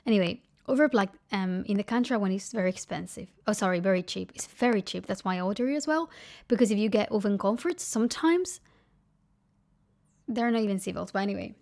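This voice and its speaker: A young woman vlogging a casual story to camera, animated, acting out quotes with big pitch jumps and dropping to a whisper for asides. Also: fairly quick, creaky. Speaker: lifestyle vlogger.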